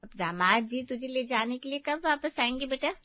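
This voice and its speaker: A soft, caring mother. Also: high voice, animated, normal speed. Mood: comforting. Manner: soft, comforting. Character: gentle, caring middle-aged mother. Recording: dry, slightly dull lo-fi audio.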